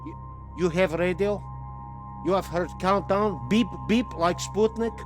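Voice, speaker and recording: A stern Soviet agent, with a high, tight-pitched voice. He speaks in clipped, halting English. Game music plays clearly behind. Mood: grave. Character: stern Soviet agent man, urgent and blunt. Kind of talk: video game voice acting.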